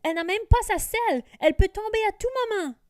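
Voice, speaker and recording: A woman's voice: very high-pitched, fast talker, darkish tone, no room sound, clean studio sound, pitched above the performer's own voice. A woman voicing an anxious young boy who pleads with his friends, in a storybook reading. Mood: worried. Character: worried young boy dragon master.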